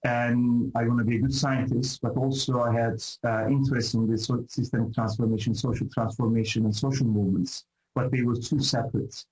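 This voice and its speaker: Turkish-accented man, halting and echoey. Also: mid-range voice, little pitch movement, darkish tone. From Turkey. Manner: hesitant, many fillers and restarts, lists of words. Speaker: professor, interview guest. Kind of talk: thoughtful academic interview answers.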